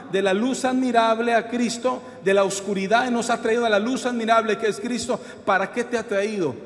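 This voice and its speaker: A man's voice: sits high, in a large hall. A man preaching a sermon in a church, calling out questions to the congregation. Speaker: pastor. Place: church hall.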